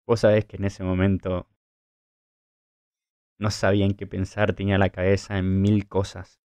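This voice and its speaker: A man's voice: sits low, completely flat delivery, normal speed, dark tone, smooth, dry recording. Man voicing an earnest, humble Peter. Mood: earnest pleading. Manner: earnest, pleading confession. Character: apostle Peter, humble grown man confessing love.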